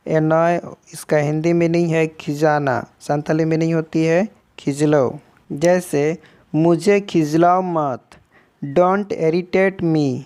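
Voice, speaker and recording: An English teacher giving a vocabulary lesson in a steady, methodical way, saying each English example sentence very slowly, word by word. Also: medium pitch.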